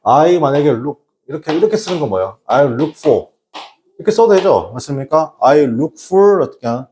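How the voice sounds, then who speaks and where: A middle-aged man lectures a classroom of students on English grammar, joking and constantly checking that they follow. His pitch swings widely from line to line, and his tone is warm and mellow. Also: lively intonation, normal speed, a little hiss or hum. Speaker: English teacher.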